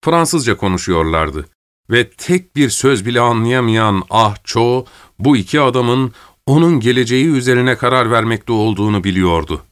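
A man reads a story aloud as an audiobook narrator. His delivery is steady and measured, with a mid-pitched voice. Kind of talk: audiobook reading.

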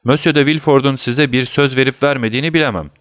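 Man voicing a sardonic gruff gendarme. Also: mid-range voice, fast talker, fairly bright tone, no room sound, studio quality, pitched above the performer's own voice, natural voice. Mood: curt. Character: gruff mocking male gendarme guard.

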